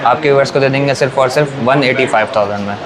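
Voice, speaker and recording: A man with a Pakistani accent working as a phone seller, giving a repetitive sales pitch that lists models and prices. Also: very fast, a crowd in the background. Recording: noisy room with clear background noise.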